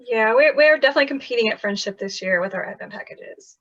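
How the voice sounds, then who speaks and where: A woman with a somewhat high voice chats in an easygoing, friendly way as a co-host. She comes through a video call, so her sound is dull and lo-fi. The talk is relaxed and unscripted. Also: quick pace. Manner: easygoing, chatty knitter. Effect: heard over a video call. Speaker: podcast co-host. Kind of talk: casual chat.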